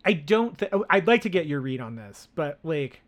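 A man's voice: on the high side, very animated, moderate pace. A man co-hosting a film podcast, talking casually with lots of fillers and restarts. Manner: rambling, many fillers and restarts. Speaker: podcast co-host.

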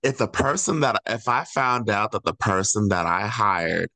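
A man's voice: fairly low pitch, animated, moderate pace, pushed and bright, no room sound, poor audio. A man co-hosting a podcast, teasing and sassy, swearing through casual gossip about reality TV. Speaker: podcast co-host.

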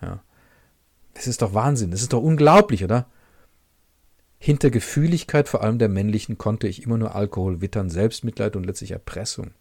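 A man reading a first-person novel passage aloud in a measured, reflective way. He then comments on it as a book reviewer. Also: lowish voice, gravelly, a little mellow, no room sound, clean studio sound. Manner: measured, reflective, pauses to savor sentences.

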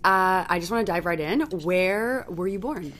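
Lower-pitched woman hosting an interview. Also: lively intonation, moderate pace, a bit bright. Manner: friendly and upbeat, asking questions with lots of "um" and "like". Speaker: podcast host. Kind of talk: casual interview.

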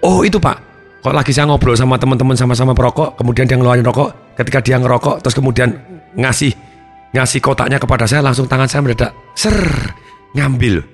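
A man's voice: medium pitch, steady tone, fast, soft background music, natural voice. A man voicing an earnest male client. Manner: earnest, keeps adding "Pak". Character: eager male client trying to quit smoking.

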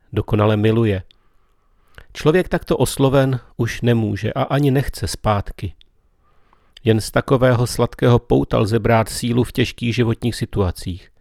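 A man gives a slow, meditative spiritual talk as a preacher. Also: on the low side, a little mellow, no room sound, clean studio sound.

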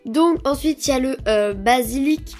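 A woman's voice: sits high, normal speed, a little mellow, soft background music. A young woman hosting a casual gardening podcast, talking with many fillers and restarts. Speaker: podcast host.

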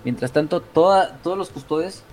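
A man with a Mexican accent, a streamer casually retelling game lore in an excitable, profane way, full of fillers and slang. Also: fairly high pitch, normal speed. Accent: Mexican Spanish.

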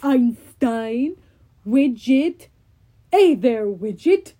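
A woman voicing a huge brutish male cyclops shepherd who bellows loudly. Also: fairly high pitch, expressive, extremely slow, heavily acted. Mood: gruff bellowing. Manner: loud bellowing.

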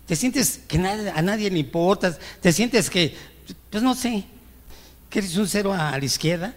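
High-voiced male pastor in reverberant hall. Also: expressive, normal speed. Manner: preaches with rhetorical questions to the congregation; acts out whiny complaints to God. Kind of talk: sermon. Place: church.

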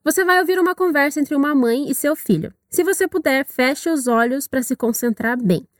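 A woman from Brazil teaching English in a scripted audio lesson, upbeat and encouraging, with slow drilled repetitions. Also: high voice, dry recording, studio quality.

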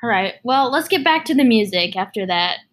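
A woman's voice: fairly high pitch, lively intonation, a little fast, noisy background. Giggly young woman co-hosting radio. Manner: giggly, rambling, self-correcting. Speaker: radio show co-host. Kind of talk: casual radio chat.

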